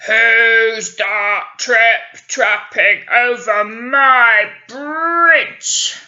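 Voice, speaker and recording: A woman voicing a big, ugly, angry troll in a storybook, loud, menacing and drawn out. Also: on the high side, drawn-out words, highs cut off, heavily acted.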